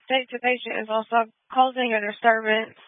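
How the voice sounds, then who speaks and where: A man's voice: extremely high pitch, flat delivery, moderate pace, no echo. A male emergency dispatcher heard over a two-way radio, his voice squeezed into a thin, phone-like band. He reads out units and addresses in a clipped, matter-of-fact cadence. The sound is close and dry, with no room around it. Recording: tinny narrow-band radio transmission.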